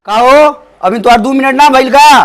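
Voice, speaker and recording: A man's voice: sits high, moderate pace, a bit bright. A man with a Bhojpuri accent acting an impatient, harried husband in a comedy sketch, scolding and exasperated.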